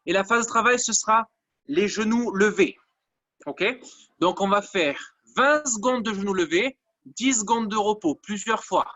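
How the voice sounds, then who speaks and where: A man's voice: high-pitched, unhurried, bright, forceful tone, muffled recording. A man coaching a live online workout class, counting down reps and cheering people on. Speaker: fitness coach.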